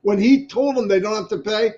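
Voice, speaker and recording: An older man chats on a livestream in a chipper, rambling way, his voice a little hoarse. He has a mellow tone, and the stream audio is slightly muffled and lo-fi. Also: high voice, brisk. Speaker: livestream co-host. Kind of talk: casual livestream chat.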